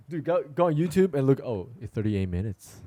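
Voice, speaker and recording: A man's voice: mid-range voice, huge pitch swings, moderate pace, dark tone, no echo. A man with a non-native English accent co-hosting a podcast in casual chat, with loose grammar and frequent backchannel okays. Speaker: podcast co-host.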